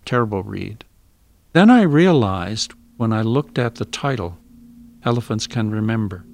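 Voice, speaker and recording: A man, a researcher, speaking in a measured, reflective way in an interview. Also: on the low side, expressive, gravelly, darkish tone. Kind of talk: recorded interview narration.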